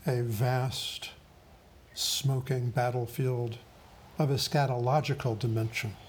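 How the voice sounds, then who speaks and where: A man preaching a sermon in a solemn, deliberate way, with grave pauses. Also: medium pitch, flat delivery, a little hiss or hum.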